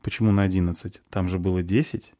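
Man voicing a guilt-ridden young man, agitated, remorseful, warm low voice. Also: steady tone, fast, natural voice. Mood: troubled.

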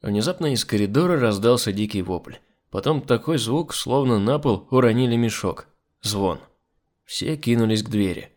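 A man's voice: mid-range voice, moderate pace. A man reading a first-person audiobook as narrator. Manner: lively first-person storytelling. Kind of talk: scripted narration.

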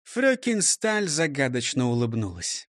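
A man narrating an audiobook story in a lively storytelling manner. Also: medium pitch, unhurried, no room sound, studio quality.

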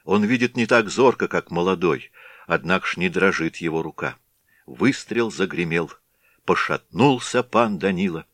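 A man tells a classic tale in a measured, dramatic storytelling voice. His pitch sits very low and deep, and the studio recording is close and dry, with no room sound. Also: animated, a bit bright, no room sound. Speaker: audiobook narrator. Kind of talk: scripted narration of a classic tale.

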